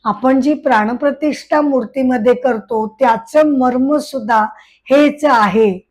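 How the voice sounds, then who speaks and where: Woman, spiritual speaker, devotional talk, earnest, high voice, slow delivery. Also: low-quality recording. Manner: slow, earnest, addresses listeners directly. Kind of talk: devotional discourse with storytelling.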